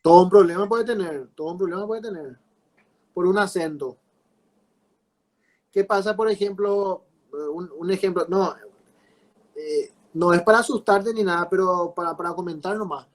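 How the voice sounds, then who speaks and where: A man's voice: high voice, moderate pace, pauses often, low-quality recording. A man teaching a class, explaining with repeated rhetorical questions. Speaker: law teacher. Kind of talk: class lecture.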